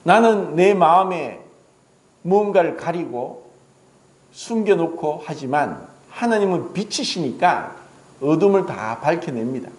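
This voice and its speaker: A man's voice: a little high, sing-song, measured pace, echoey room, poor audio. A male pastor preaching a dramatic sermon in a church, acting out the quoted words of the story. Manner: dramatic, voices Jesus and Peter in quotes.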